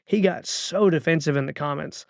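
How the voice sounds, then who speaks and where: A podcast host in his thirties, with a somewhat high, creaky voice at normal speed, delivers an earnest motivational monologue. He urges listeners with repeated calls to action, and the recording is dry and studio quality.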